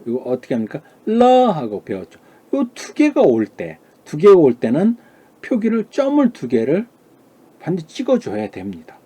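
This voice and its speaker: Lively husky-voiced man lecturing. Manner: asks questions and answers them himself, models syllables in a higher voice. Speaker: Chinese pronunciation lecturer. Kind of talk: classroom lecture.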